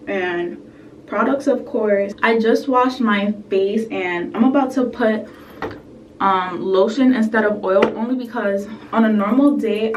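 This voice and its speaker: A woman's voice: mid-range voice, distant mic, a little hiss or hum. A young woman chatting casually through a makeup tutorial at home, full of fillers and asides, sounding a bit sick. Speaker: beauty vlogger. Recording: roomy echo, set back from the mic.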